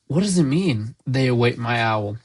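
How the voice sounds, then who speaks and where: A man's voice: medium pitch, animated, moderate pace, darkish tone, lightly acted. A man reading aloud, voicing a curious, bewildered eleven-year-old boy who asks short, puzzled questions. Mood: puzzled, eager.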